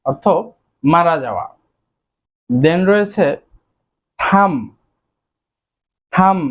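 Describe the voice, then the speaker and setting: Man, somewhat high voice, patient teacher who repeats each word twice before explaining it. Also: darkish tone. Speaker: English teacher. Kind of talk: slow spoken vocabulary lesson.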